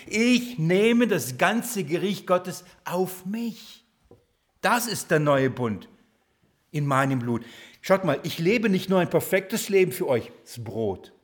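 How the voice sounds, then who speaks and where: Lebhafter Prediger mit etwas hoher Stimme. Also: male voice, high voice, a little slow. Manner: lively preaching, drops to quiet emphatic lines, asks the congregation questions. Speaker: preacher. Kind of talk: sermon.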